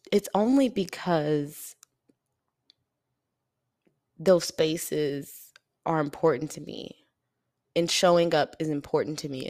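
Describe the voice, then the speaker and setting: A tired woman speaks earnestly into a close microphone, confiding with a slightly low voice. The sound is dry, with no room around it. She lets in soft laughs now and then as she reflects on her own podcast. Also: no echo. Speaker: podcast host. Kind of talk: reflective solo podcast talk.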